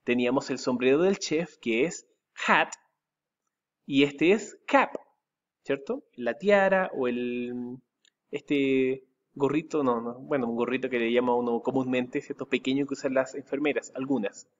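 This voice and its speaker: A man's voice: medium pitch, muffled recording. A man from Chile with a Chilean Spanish accent, teaching English vocabulary to pupils, spelling each word out letter by letter and repeating it. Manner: spells words letter by letter, repeats them slowly with rising stress. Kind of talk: recorded vocabulary lesson for pupils.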